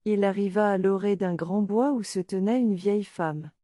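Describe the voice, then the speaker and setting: A woman narrating a fairy tale audiobook for language learners, reading clearly and deliberately. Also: medium pitch, warm tone, dry recording, studio quality. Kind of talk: slow storybook narration for French learners.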